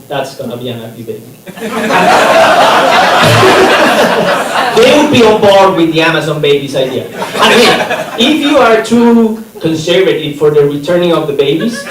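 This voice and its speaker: On a comedy theater stage, a Chilean man performs stand-up in a rambling style, frequently interrupting himself. His voice is a little high. Captured from a distance in an echoey room, the recording carries heavy background noise and audience laughter.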